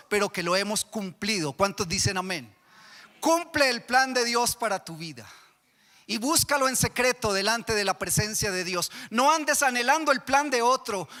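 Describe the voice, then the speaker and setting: With an extremely high pitch that sounds pushed and bright, a man with a Colombian accent preaches as pastor. He poses repeated questions to the congregation, and the church hall adds reverb.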